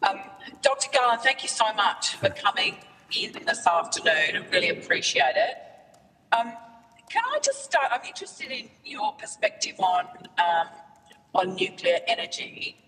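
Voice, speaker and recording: A senator dials into a hearing from a car over a low-quality remote stream. The voice is bright and edgy and sits in a long echo. The questions come politely and hesitantly, full of pauses. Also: very animated, faint music behind. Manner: polite, hesitant, many ums. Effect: low-quality remote audio stream. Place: inside a car.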